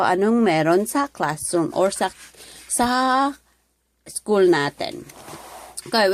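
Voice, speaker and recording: A woman with a Filipino accent teaching a lesson word by word, with many fillers. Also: mid-range voice. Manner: mixes languages, explains word by word with many fillers. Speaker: language teacher. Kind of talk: classroom-style lesson explaining dialogue.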